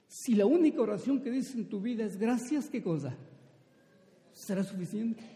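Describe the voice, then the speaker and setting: Preacher guy, high but dark voice, repeats himself a lot, big echoey church. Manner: emphatic, repeating phrases and restarting words. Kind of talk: sermon. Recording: roomy hall with long reverb.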